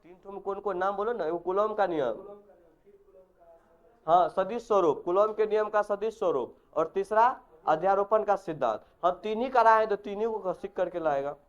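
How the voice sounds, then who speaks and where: A man's voice: sits high, moderate pace, dull audio. A male physics teacher, giving a classroom lecture and quizzing his students. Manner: instructive, assigns homework and quizzes the class with repeated questions.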